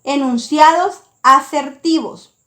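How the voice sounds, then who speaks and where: A woman teaching a lesson, reading out a scripted explanation in a careful, deliberate way. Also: high-pitched, pushed and bright. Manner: slow, careful, deliberate delivery.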